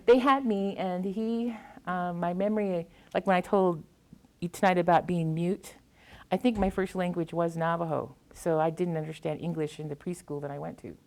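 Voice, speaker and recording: An American poet from the US Pacific Northwest speaks reflectively in a lowish, darkish voice with a steady tone and moderate pace. She shares anecdotes and reads her poems to an audience.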